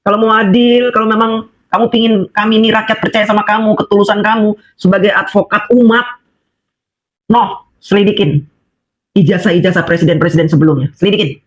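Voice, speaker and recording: A woman's voice: medium pitch, fairly even intonation, brisk. A woman rants straight at her opponents, scolding and mocking them and hammering on with repeated rhetorical questions. She speaks as an ordinary housewife with something to say. The recording is dull and lo-fi. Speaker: housewife voicing political opinion. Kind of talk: angry monologue addressed to critics.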